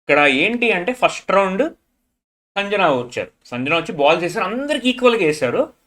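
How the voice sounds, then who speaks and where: A man's voice: very animated, moderate pace, a bit bright. A man giving a frank, opinionated review, mixing in English phrases. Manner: frank, mixes English phrases, mimics people in low mocking voice. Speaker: show reviewer. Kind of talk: casual opinionated review monologue.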